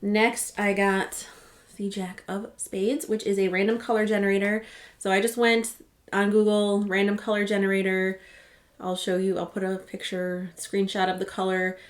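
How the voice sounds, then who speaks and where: A woman's voice: mid-range voice, little pitch movement, normal speed. Woman vlogger, casual and chatty, rambly asides, everyday voice. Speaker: beauty vlogger. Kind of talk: casual product walkthrough.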